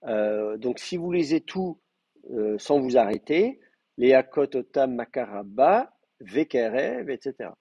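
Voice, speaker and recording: A man's voice: medium pitch, sing-song, measured pace, dark tone, breathy edge, no echo, highs cut off. A man teaching an advanced class in a live lecture, explaining patiently with frequent hesitations and fillers. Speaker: Hebrew teacher.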